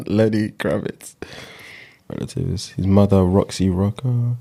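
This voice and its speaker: A man's voice: fairly low pitch, big pitch swings, takes it slowly, creaky, mellow. A man, co-hosting a casual podcast in a laid-back, slangy way and often murmuring agreement. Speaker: podcast co-host. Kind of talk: casual chat.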